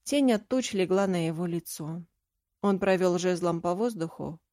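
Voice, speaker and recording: A woman's voice: on the low side, normal speed, mellow, no echo, clean studio sound. A woman narrating a first-person audiobook in an earnest, emotive storytelling manner.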